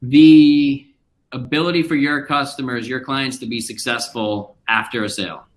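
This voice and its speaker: A man's voice: mid-range voice, fairly even intonation, moderate pace. An articulate man in an unscripted business conversation, speaking agreeably and deferentially. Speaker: company CEO being coached.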